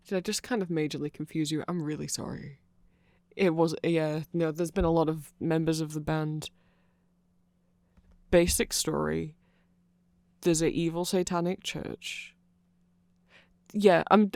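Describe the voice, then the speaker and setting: In an ASMR roleplay, a nerdy vampire shopkeeper chats casually with a friend, rambling in a hesitant, excitable, somewhat apologetic way with an earnest mood. The mid-range voice is full of vocal fry and sounds close to an everyday voice, recorded very dry with no echo.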